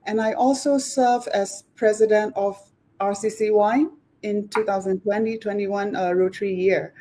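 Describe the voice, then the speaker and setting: A woman from Myanmar with a Burmese accent gives a formal self-introduction as a panel guest on a live stream, in halting English. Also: medium pitch, steady tone, dark tone. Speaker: guest, club officer.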